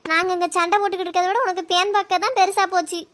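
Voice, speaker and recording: A woman's voice: extremely high pitch, little pitch movement, rapid-fire, a bit bright. A woman playing a cheeky, bickering teenage daughter.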